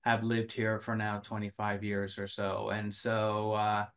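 A middle-aged man from Finland, a cancer researcher and oncologist, answering interview questions in a measured way over a video call from a home office, with many filler sounds and restarts. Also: lowish voice, completely flat delivery, a bit bright.

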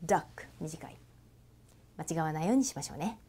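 A woman teaching English pronunciation, holding out long vowels and giving gentle, encouraging instructions. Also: sits low, animated, breathy edge. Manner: models drawn-out vowels and slow example sentences. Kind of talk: pronunciation lesson.

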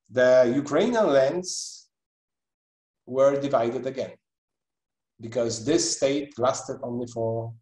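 A middle-aged man giving an online history lecture over a webcam video call, speaking in a measured way with frequent pauses and restarts. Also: medium pitch, darkish tone, reverberant, low-quality recording. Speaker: guest lecturer. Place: indoor room at a computer.

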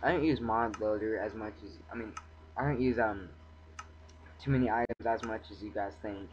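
A young man in his teens giving excitable, rambling commentary over a video game, talking to himself. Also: normal speed. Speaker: gameplay video maker. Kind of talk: casual gameplay commentary. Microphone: cheap computer mic. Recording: muffled low-quality computer mic, faint background hum.

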